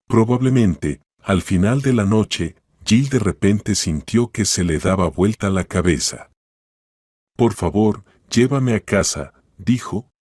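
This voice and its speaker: Un hombre narrando una historia con un tono pausado y medido. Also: male voice, sits low, a little mellow, dry recording, studio quality. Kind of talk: scripted story narration.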